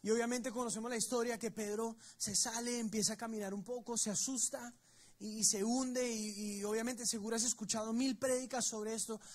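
A man's voice: extremely high pitch, little pitch movement, brisk. A man preaching a sermon to his church, telling the story with emphasis and speaking straight to the congregation. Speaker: pastor. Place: church service.

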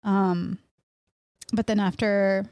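Speaking slowly with little pitch movement, this Mexican-born Miami bakery owner and pastry chef talks casually as a podcast guest. Her mid-range voice has a darkish tone, captured close on a boom-arm studio mic with headphones in a small room with no room sound.

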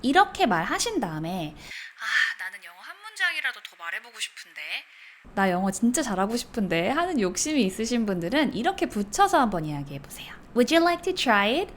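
A young woman teaching English phrases, saying the example sentences slowly and clearly and explaining them in Korean. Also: fairly high pitch, big pitch swings. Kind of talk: language lesson.

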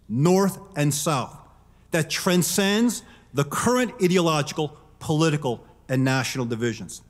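A middle-aged man giving a formal prepared keynote speech from a podium, measured and emphatic. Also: sits high. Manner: measured, emphatic, gestures while speaking. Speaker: keynote speaker. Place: large conference hall. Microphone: podium microphone. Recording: long reverb of a large hall.

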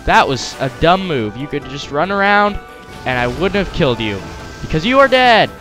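A man's voice: a little high, lively intonation, moderate pace, a bit bright. A man hosting a gaming video with casual, playful let's-play commentary. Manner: playful, jokey, puts on voices and noises. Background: faint game music.

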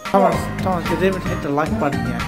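Young guy in a scary night vlog, high pitched and jittery, stammers, loud music over it. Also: very fast. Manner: jittery, stammering, repeating phrases. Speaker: vlogger. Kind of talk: staged scary challenge vlog, casual chat. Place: indoors in a home at night. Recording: loud music over handheld camera audio.

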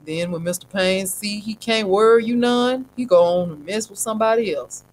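A woman voicing an old homeless man who speaks in a slow, folksy, wry way. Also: medium pitch, darkish tone, a little hiss or hum, natural voice, low-quality recording.

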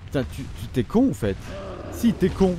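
A man's voice: a little high, very animated, moderate pace, mellow, faint music behind. A young man with a French accent commentating his gameplay, swearing constantly and scolding the characters on screen. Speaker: gamer.

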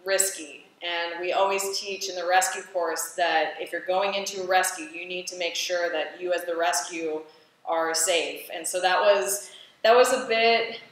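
A scuba diving instructor with a lowish voice, fairly even intonation, and normal pace chats animatedly while reacting to and explaining dive footage. The casual commentary is recorded in a very echoey room with faint ambience.

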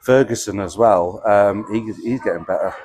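A man interviewing a football manager for club radio, pausing often with fillers. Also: lowish voice, a little mellow. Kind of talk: post-match interview.

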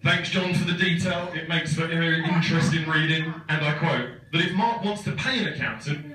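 In a spacious wooden barn hosting a wedding, a thirty-something best man roasts the couple with a dry wit. A fairly high, bright, forceful voice at a moderate pace comes through slight background noise; a phone at the rear of the crowd records the echoing hall and laughter.

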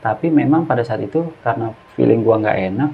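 A man with a fast, gravelly, husky voice at medium pitch acts out dialogue while telling a story in casual Jakarta slang as a guest storyteller. The audio is muffled and lo-fi, with a faint hiss.

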